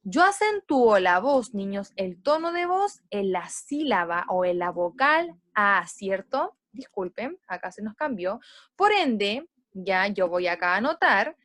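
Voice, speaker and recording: A primary school teacher, a woman, speaks to young pupils in a lively voice that climbs high and swoops back down. She slows right down to stretch out each stressed syllable. The sound is close and dry, with no room around it. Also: no room sound. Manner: slow, stressed syllables when modeling words. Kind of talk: explanatory lesson for children.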